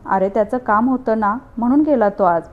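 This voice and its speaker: A woman voicing a caring young woman neighbor, an older-sister type, in a storybook reading, gentle and coaxing. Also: on the high side, moderate pace, narrow, tinny audio, close to an everyday voice.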